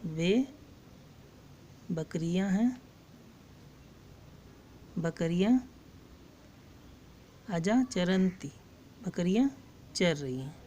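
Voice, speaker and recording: A woman teaching a lesson. She reads each phrase aloud and then explains it slowly and patiently. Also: lowish voice, animated, mellow, a little hiss or hum. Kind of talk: slow line-by-line Sanskrit lesson with Hindi translation.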